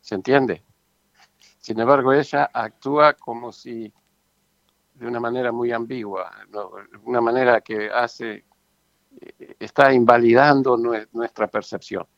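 A man's voice: medium pitch, fairly even intonation, measured pace, gravelly, dry recording. A man who explains his points earnestly in a casual discussion, with many fillers and rhetorical tags. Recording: dull lo-fi sound.

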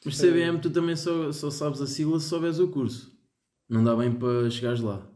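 A man's voice: a little high, normal speed, dark tone. A young man with a European Portuguese accent, chatting casually with friends as a podcast co-host in slangy banter. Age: young adult. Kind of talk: casual chat among friends. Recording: roomy, echoing room sound.

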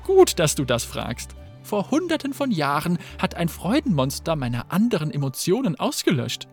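A woman's voice: fairly low pitch, wildly swooping pitch, normal speed, faint music behind. A woman voicing a battle-hungry female fighter in a video game, who sounds cheerful while saying menacing things.

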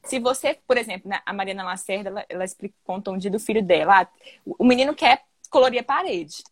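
A woman hosting a casual podcast conversation, telling stories in an animated way and often ending with "né?". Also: fast, dry recording. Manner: animated storytelling, often ends with "né?"; acts out children's voices with big pitch jumps. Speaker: podcast host.

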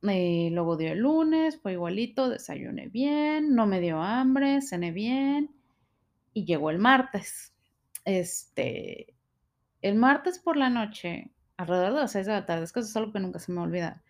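A woman with a Mexican Spanish accent tells a personal story in an emotional, unscripted way. She keeps filling her speech with small fillers and tag questions. Her pitch sits in an ordinary middle range. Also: animated, a little slow.

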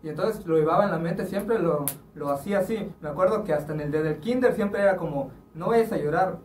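A man's voice: high voice, fast talker, a little mellow, a little hiss or hum. A man with a Mexican accent, a guest in a casual podcast chat, telling rambling stories in slangy speech. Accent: Mexican Spanish. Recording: echoey room, mic at a distance.

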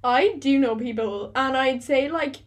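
A woman's voice: high voice, measured pace. A young woman from County Clare with a west of Ireland accent, chatting casually in colloquial Irish slang. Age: young adult. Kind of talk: casual chat.

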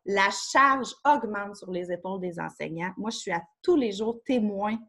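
A woman's voice: mid-range voice, moderate pace, a bit bright. A woman with a Québécois accent, a children's yoga educator in schools, explaining her methods step by step in a casual podcast conversation into a studio microphone. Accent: Québécois French.

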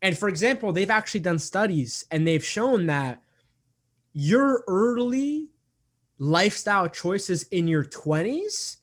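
A high-voiced man in his 20s is animated yet a little slow as he speaks earnestly in a relaxed interview, going over things repeatedly and padding gaps with "um" and "like".

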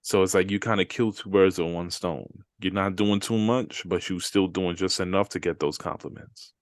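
Deep-voiced man in casual podcast chat. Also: fairly even intonation, moderate pace, no echo. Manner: laid-back slangy talk, reads listener comments aloud. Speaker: podcast co-host.

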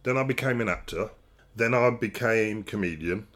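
A man's voice: on the low side, normal speed, a bit bright. A middle-aged man hosting a casual podcast chat, rambling with restarts and self-mocking asides. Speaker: podcast host.

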